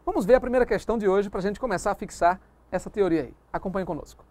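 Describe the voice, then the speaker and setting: A woman's voice: medium pitch, fast, darkish tone. A woman teaching a recorded grammar lesson, explaining step by step and often checking that the viewer follows. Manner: didactic, checks understanding with tag questions. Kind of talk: recorded video lesson on phonetics.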